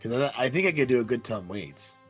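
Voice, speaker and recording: A man whose voice sounds worn down and gravelly, husky from hoarseness. He chats in a laid-back way on a game stream, with faint music playing underneath. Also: mid-range voice, very animated, fast talker. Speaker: friend in a game stream chat. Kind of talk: casual chat.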